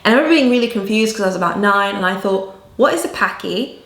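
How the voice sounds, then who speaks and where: A woman whose first language was not English, speaking English with an accent shaped by southern Africa and American teachers, telling a personal story in earnest, animated vlog style. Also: mid-range voice, quick pace, reverberant. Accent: mixed African and American-learned English. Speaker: vlogger.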